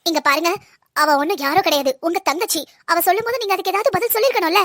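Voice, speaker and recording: A young cartoon wife, voiced by a woman, proud and hurt, pressing her husband with pointed questions. The voice is very high and fast, dry and close. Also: animated, a bit bright, dry recording. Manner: pointed, reproachful. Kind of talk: cartoon voice acting.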